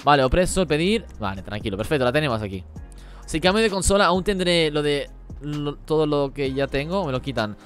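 A man, his voice sitting a little high, rattles through a live game stream. He answers chat messages in a quick, tumbling flow. Faint game music plays underneath. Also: expressive. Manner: rapid-fire talk while reading chat. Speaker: gaming streamer.

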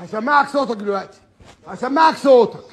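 An enraged man in a heated argument over the phone, shouting threats and repeating himself, on a recorded call. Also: very high voice, fairly quick, breathy edge.

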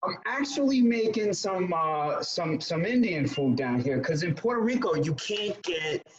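A man's voice: high-pitched, expressive, a little slow, highs cut off, a little hiss or hum. A man speaking as a guest in a casual chat from his home kitchen, laid-back and profane, often saying "man".

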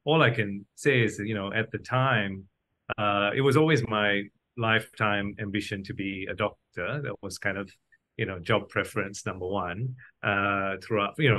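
A middle-aged Malaysian man, a doctor turned entrepreneur, appears as a podcast guest and gives reflective, conversational answers. His voice sits on the low side with a slight brightness.

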